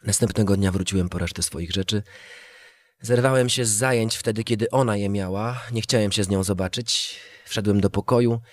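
A man's voice: fairly low pitch, moderate pace. A man narrating a first-person story in a plain, matter-of-fact way.

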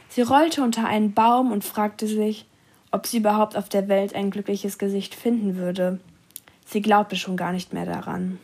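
A woman reading a children's story aloud in a calm, even storytelling manner. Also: mid-range voice, breathy edge.

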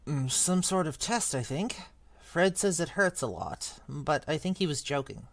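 A woman voicing a young boy who mumbles quietly and offhandedly. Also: low voice, unhurried, no room sound. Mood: unsure.

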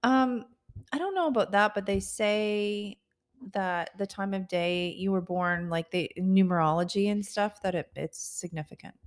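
A woman's voice: mid-range voice, moderate pace. A woman in her forties co-hosting a podcast in casual chat, dry and teasing. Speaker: podcast co-host.

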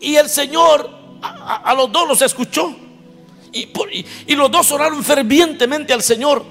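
A man's voice: very high-pitched, moderate pace, fairly bright tone. A man preaching a sermon in an emphatic way, asking his congregation questions as he goes. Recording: long hall reverb with faint music.

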